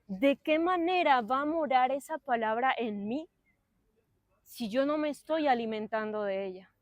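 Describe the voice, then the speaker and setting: Lively woman preaching a sermon. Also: high voice, unhurried, dry recording, studio quality. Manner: lively, chatty, playful asides, acts out voices of listeners. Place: church service.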